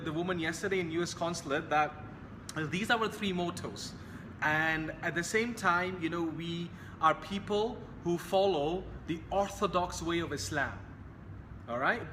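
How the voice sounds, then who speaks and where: A young man from Hong Kong talks in a bright, high voice with an earnest, repetitive manner, circling back to the same phrases. His voice rings with a long reverb, and a faint hiss sits underneath. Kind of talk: casual talk to camera.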